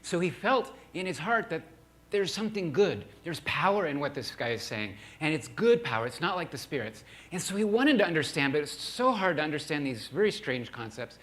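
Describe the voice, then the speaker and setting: Male preacher, earnest sermon storyteller, a bit high-voiced, stumbles and repeats words. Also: sing-song, brisk, fairly bright tone.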